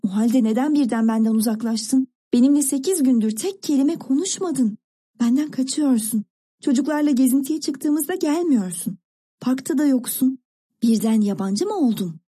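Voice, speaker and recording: A woman voicing a sad, gentle young governess who pleads in a soft, sorrowful way. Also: high voice, lively intonation, moderate pace, slightly rough, voice pushed up. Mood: pleading.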